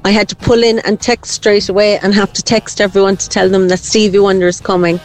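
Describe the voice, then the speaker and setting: A woman's voice: medium pitch, level tone, brisk, faint music behind, low-quality recording. A woman, a radio listener speaking in a voice message played on air, eagerly talking in a rush of short sentences. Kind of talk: casual spoken message.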